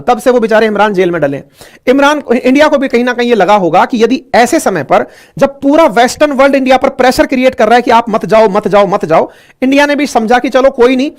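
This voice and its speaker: A young man teaching current affairs in a casual, talkative explainer style, addressing listeners as friends and mixing in English words. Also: high voice.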